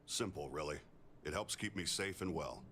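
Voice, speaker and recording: An actor playing a composed augmented male ex-soldier engineer in a video game, speaking in a measured, plainspoken way. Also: extremely low pitch, fairly bright tone, a little hiss or hum. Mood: calm. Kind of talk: video game character dialogue.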